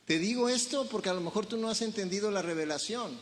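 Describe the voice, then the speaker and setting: A Mexican man preaching as a pastor, animated and joking, leading shouted call-and-response. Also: high voice, fast. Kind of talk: sermon. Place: church sanctuary. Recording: reverberant hall, faint noise.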